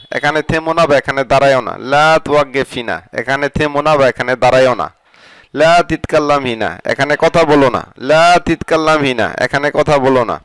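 Man, language teacher, smooth clear voice, dry close sound, steady phrase-by-phrase drilling. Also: medium pitch, no room sound, rough recording. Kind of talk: vocabulary lesson.

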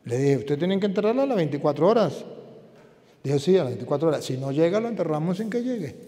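Priest guy preaching, acts out the story, highish voice, echoey big room. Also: sing-song, quick pace, warm tone. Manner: dramatic storytelling, voices the people in his story. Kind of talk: sermon with acted-out story.

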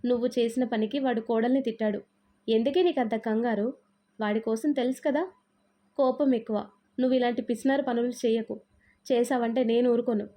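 A woman voicing a stern, fair-minded older father-in-law who questions firmly and speaks gently to his daughter-in-law in a storybook reading. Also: on the high side, fairly even intonation, fairly quick, natural voice. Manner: firm, questioning.

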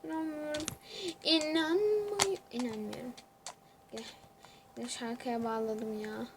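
A young woman gives excited, chatty commentary as she plays a computer game. Her voice sits high and she talks at a slow, unhurried pace. Faint keyboard clicks sit under her voice. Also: noisy background. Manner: excitable, chatty, talks to viewers while playing. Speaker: gamer. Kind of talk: casual gaming commentary.

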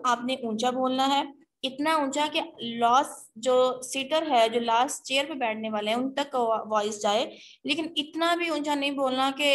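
A woman giving a recorded lecture as a teacher. She reads each English point out slowly and then explains it in quicker, conversational speech. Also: sits high, fairly bright tone.

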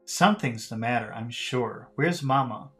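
A man's voice: mid-range voice, normal speed, fairly bright tone, soft background music, lightly acted. A man reading an audiobook, voicing a frightened young boy in an anxious, pleading tone.

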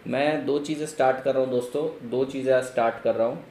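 Chatty Indian tutor on a live stream. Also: male voice, medium pitch, fairly even intonation, fast, darkish tone, slight background noise. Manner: reads out viewer names and comments, chatty and teasing. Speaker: online commerce tutor. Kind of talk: casual live-stream chat with students. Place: home room, raining outside. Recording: roomy live-stream audio with faint ambience.

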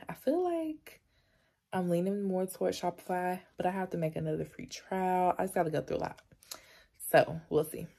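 A young woman chatting casually through a day-in-the-life vlog, relaxed and full of fillers. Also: sits low, gravelly. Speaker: vlogger.

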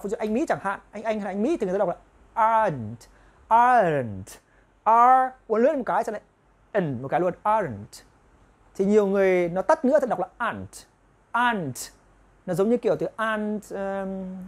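A woman teaching an online grammar lesson, explaining step by step and repeating example phrases slowly. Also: medium pitch, a little mellow. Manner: explains step by step, often asking the viewers "right?". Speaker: English teacher.

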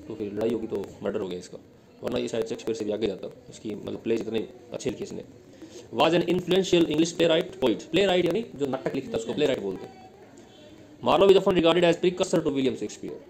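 A man's voice: mid-range voice, vocal fry, a little mellow, slight background noise, low-quality recording. Indian man teaching exam prep. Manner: explains in Hindi, reads English lines slowly; asks questions then answers them himself.

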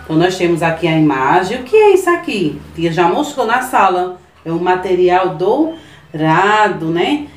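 Teaching young children remotely, this middle-aged woman talks in a slow, patient, sing-song way, her fairly low voice very animated over soft background music. She's in a small decorated classroom, recorded from a distance by a camera mic several meters off, so the room sounds echoey.

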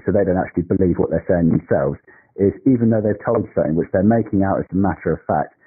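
A man calling in on a phone line, measured and lecturing, turning abusive. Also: low-pitched, slightly rough. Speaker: caller. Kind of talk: phone call.

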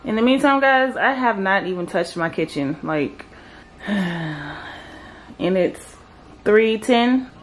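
A woman's voice: mid-range voice, expressive, slow pace, long pauses, a little hiss or hum. Give me a mom in her thirties vlogging from an echoey kitchen. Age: 30s. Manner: soft, coaxing with her child, chatty with viewers. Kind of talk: casual vlog talk to camera. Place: kitchen of a family home. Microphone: camera on a tripod. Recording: echoey room, music behind.

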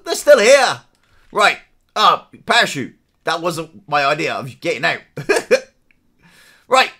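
A live streamer giving excitable, shouty gameplay commentary, repeating phrases and reading chat aloud. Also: mid-range voice, creaky, breathy edge.

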